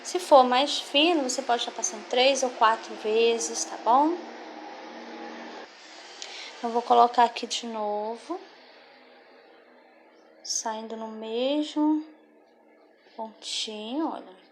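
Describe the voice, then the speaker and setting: A woman's voice: a little high, slow, pauses often, a little hiss or hum. A woman giving a patient step-by-step craft tutorial, often checking in with the viewer. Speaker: craft instructor.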